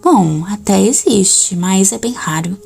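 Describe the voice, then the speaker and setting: A woman reading the lines of an impassive female police officer in a flat, matter-of-fact way. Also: mid-range voice, slow, gravelly, breathy edge, soft background music, exaggerated voice.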